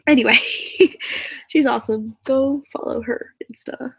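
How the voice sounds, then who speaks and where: A woman's voice: a little high, measured pace, creaky, a bit bright, slightly rough, poor audio. A teenage girl from Indiana chatting on a live stream, rambling and giggly with lots of fillers and asides. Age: teens. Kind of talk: casual live-stream chat.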